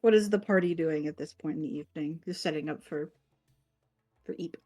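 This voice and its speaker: A woman serving as game master, describing scenes in a halting, casual way with many ums and likes. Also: sits low, mellow, highs cut off, soft background music. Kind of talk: improvised scene narration.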